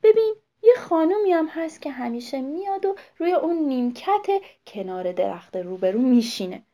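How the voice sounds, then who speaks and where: A patient mother owl, voiced by a woman storyteller, coaxing her child with gentle scolding. Her tone swings lively up and down, like a parent in a spoken storybook. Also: sits high, voice pushed up. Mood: gently scolding.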